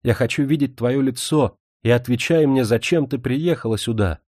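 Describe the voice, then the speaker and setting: A man's voice: mid-range voice, normal speed, a little mellow, dry recording, studio quality, close to an everyday voice. A man voicing a despairing, jealous older sister, a young woman who speaks in anguished, pleading tones. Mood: alarmed.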